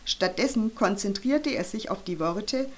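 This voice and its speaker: A woman reading a children's audiobook aloud with expressive storytelling. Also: mid-range voice, measured pace. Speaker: narrator. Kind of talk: audiobook narration.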